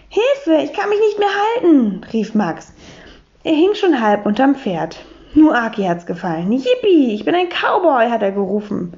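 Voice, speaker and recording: A woman reading a children's storybook aloud, telling it lively in the first person as a boy. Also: mid-range voice. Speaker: audiobook reader. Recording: dull lo-fi recording.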